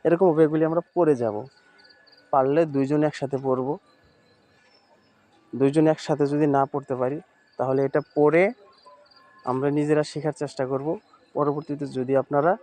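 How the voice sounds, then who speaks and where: A man teaching Quran reading in an online lesson, patiently spelling out Arabic letters and repeating words slowly. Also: on the high side, mellow. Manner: Arabic letter names in Bengali speech.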